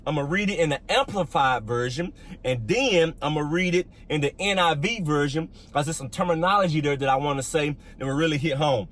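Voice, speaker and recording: A man's voice: a little high, fairly quick, a bit bright. A man preaching earnestly to his channel's viewers, mixing casual slang with emphatic Bible teaching and the odd stumble. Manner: occasional stumbles and fillers. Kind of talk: prayer and sermon teaching.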